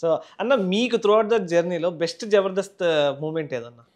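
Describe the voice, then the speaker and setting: Interviewer man with a slightly high voice. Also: moderate pace, darkish tone. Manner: brief encouraging backchannels. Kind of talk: casual interview chat.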